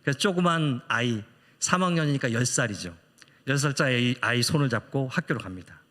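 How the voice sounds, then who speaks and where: A man's voice: mid-range voice, expressive, brisk, fairly bright tone. A middle-aged man, a missionary preacher telling a personal story in a sermon and acting out the voices he quotes. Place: church sanctuary. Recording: long church hall reverb.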